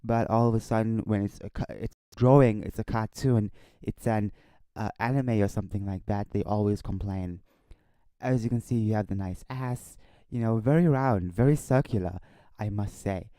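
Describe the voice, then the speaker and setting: A man giving casual off-the-cuff video commentary in a halting, repetitive way, stumbling over his words. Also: on the low side, warm tone, no room sound. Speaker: online commentary video host.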